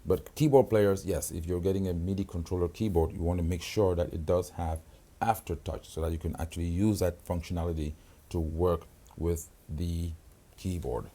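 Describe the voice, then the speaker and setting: A man with a low, steady, warm voice speaks at normal speed as a product demonstrator giving a hands-on keyboard tutorial. He explains each feature step by step and frequently checks in with the viewer using "okay?" and "right?".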